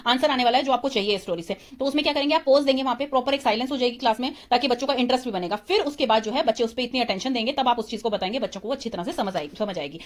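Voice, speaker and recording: Young woman tutor, high voice, rattles through a revision lecture at top speed, mixing in English terms. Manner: rapid, explanatory, mixing Hindi and English terms. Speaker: teacher-training tutor.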